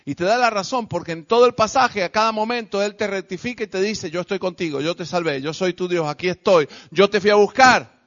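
A man preaching a sermon to a congregation, emphatic and repetitive, swinging between loud declarations and quiet, soft lines. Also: sits high, a little fast. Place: church service with a congregation. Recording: dull lo-fi recording.

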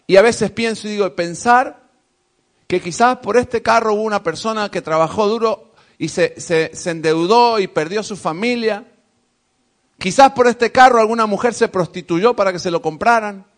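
A male preacher with a high voice gives an emphatic, theatrical sermon. He mimics sounds to act out his stories for the congregation. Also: moderate pace.

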